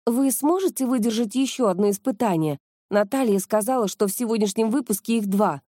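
A bold, quick-witted young woman, voiced by a woman reading an audiobook. Her tone is dark and mellow, and the recording is dry and close. She talks briskly and teases. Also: fairly high pitch, dry recording, close to an everyday voice. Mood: probing.

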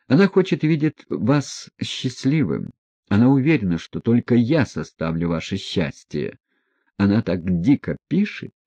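A man reading an audiobook, voicing a proud, passionate young woman who presses with rapid, agitated questions. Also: fairly low pitch, very animated, dark tone, husky, no room sound, exaggerated voice. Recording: dry, dull close recording.

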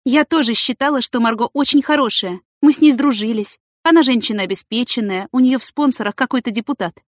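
A chatty, kind-hearted young mother in a hospital ward, as a woman narrator does her, speaking earnestly and openly. She sits a little higher than the reader's own voice. The audiobook recording is dry and close. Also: a little fast, no room sound, close to an everyday voice.

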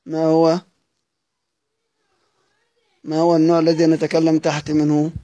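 Egyptian man teaching, mellow and dry. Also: fairly high pitch, monotone, moderate pace, no room sound, highs cut off. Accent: Egyptian Arabic. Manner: repeats questions to students, drawls words when reciting. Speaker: teacher of Quranic readings. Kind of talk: classroom lesson.

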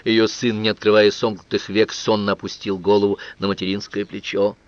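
Low-voiced man reading a novel aloud. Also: dry recording. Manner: calm, measured, expressive reading. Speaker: audiobook reader. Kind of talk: literary audiobook narration. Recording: dull, dry, lo-fi studio recording.

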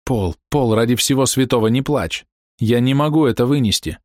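A man's voice: medium pitch, moderate pace, no echo, studio quality, pitched above the performer's own voice, lightly acted. A man voicing a remorseful young wife who confesses her adultery in an anguished, pleading way. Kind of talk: audiobook character voice.

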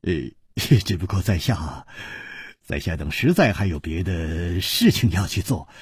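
A man's voice: mid-range voice, huge pitch swings, slow, a little mellow, slightly rough, no room sound, studio quality, heavily acted. A man voicing a witty young swordsman hero with a wry, self-deprecating manner. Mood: awkwardly polite.

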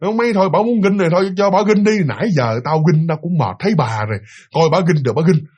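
A man voicing a scared older woman with a Southern Vietnamese accent, urging in a hushed, hurried way. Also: high voice, expressive, breathy edge. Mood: anxious.

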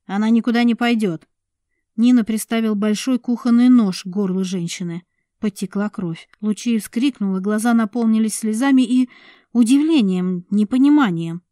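A woman reading an audiobook in even, measured scripted narration. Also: medium pitch, dry recording, studio quality. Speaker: audiobook reader.

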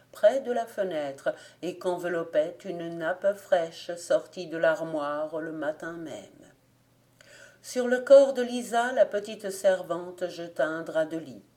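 A woman reading a folk tale aloud in a calm, measured audiobook narration. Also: fairly low pitch. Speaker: audiobook reader. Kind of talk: scripted narration.

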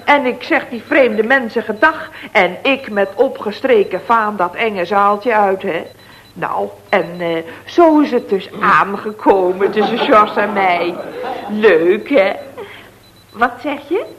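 An actress playing a chatty, scatterbrained woman who rambles excitably on the phone in a 1960s radio comedy. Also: mid-range voice, slow, low-quality recording. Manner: rambling, excitable, full of little tag questions.

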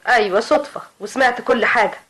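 A woman playing an earnest young engaged daughter in a vintage radio drama, talking quickly and politely. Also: fairly high pitch, a bit bright. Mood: defiant.

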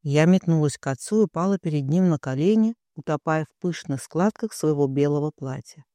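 Male audiobook narrator, emotional first-person reading, high, dry voice. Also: fairly quick, mellow, dry recording. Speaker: audiobook reader.

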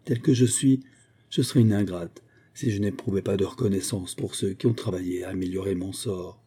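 Brief: male narrator as a young heroine, dignified and hurt, mellow tone. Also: sits low, fairly quick, slightly rough. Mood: earnest. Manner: proud, wounded. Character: young proud orphan singer, woman.

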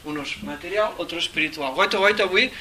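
A man's voice: high-pitched, fast, bright, forceful tone. A man with a Catalan accent teaching theosophy informally to a small group, rambling and asking "¿eh?" often. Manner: rambling, asks "¿eh?" again and again, thinks aloud. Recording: distant mic with faint noise.

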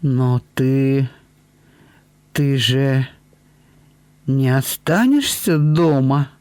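A man reading aloud, voicing a kindly, lonely elderly lady who speaks slowly and deliberately. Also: medium pitch, darkish tone, clear, resonant tone, no room sound. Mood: tender, shaken. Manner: slow, deliberate, drawn-out speech.

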